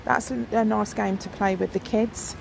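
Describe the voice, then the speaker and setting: With a steady, creaky, mid-range voice at a moderate pace, a middle-aged woman vlogs her shopping trip, filming the aisles of a large discount shop on her phone. She chats casually, thinking aloud with many ums, while the shop is noisy around her.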